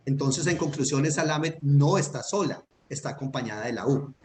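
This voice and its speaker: A man's voice: mid-range voice, fairly quick, a little mellow. A man teaching a grammar lesson online, patient and methodical, often checking that his student follows. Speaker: Hebrew teacher. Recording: echoey room with faint noise.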